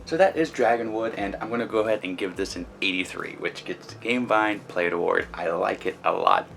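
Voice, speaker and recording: A man's voice: low voice, a little fast, vocal fry, a bit bright, slight background noise. A man hosting his own channel, giving a chatty, rambling board game review and walking through the rules step by step. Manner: loose, rambling, with fillers and restarts. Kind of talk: casual video review.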